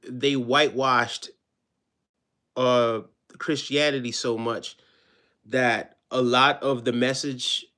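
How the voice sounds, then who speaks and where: A Jamaican man with a mid-range, slightly bright voice chats casually on a live stream, seemingly touched by the talk. He speaks in slang and keeps repeating check-in tag phrases to make sure listeners are following.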